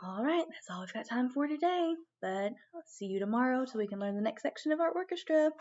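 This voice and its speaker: High-voiced woman teaching young children. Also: brisk, muffled recording. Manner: animated, prompting children with questions. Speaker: elementary music teacher. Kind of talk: children's video lesson.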